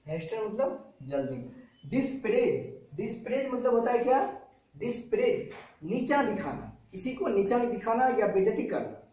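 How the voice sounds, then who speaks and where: High-voiced man teaching in echoey class. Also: a little mellow, distant mic. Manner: repeats each word and meaning, quizzes students. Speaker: vocabulary teacher.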